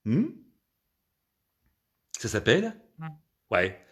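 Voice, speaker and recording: A man doing a solo stand-up show at home, animated and exaggerated, piling up repeated words. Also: fairly low pitch, drawn-out words. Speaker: comedian.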